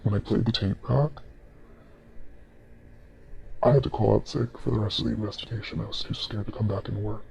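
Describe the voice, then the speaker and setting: A man playing a shaken forensics technician, speaking haltingly with long pauses in a mock documentary interview. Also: fairly low pitch, fairly even intonation, creaky, a little mellow, lo-fi sound. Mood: haunted, uneasy. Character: shaken male forensics technician recounting a haunting. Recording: background noise with room ambience.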